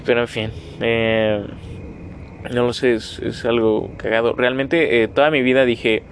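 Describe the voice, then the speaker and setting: A man's voice: mid-range voice, fairly even intonation, measured pace, a little hiss or hum. A nineteen-year-old man with a Mexican Spanish accent hosting a casual solo podcast, rambling, self-mocking and swearing freely as he talks straight to his listeners. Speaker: podcast host.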